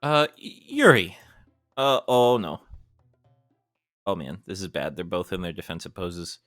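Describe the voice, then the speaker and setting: A man's voice: low-pitched, sing-song, a little slow, a bit bright, dry recording, clean studio sound, faint music behind. A man doing casual let's-play commentary while reading a visual novel aloud, rambling through self-deprecating asides.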